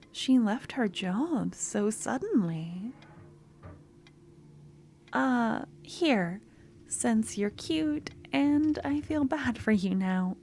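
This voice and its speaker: This ASMR roleplay features a woman as a sweet but obsessive young student stalker talking to the listener. She is soft, coaxing and a little awkward, with a medium-pitched voice and an awkward, sly mood.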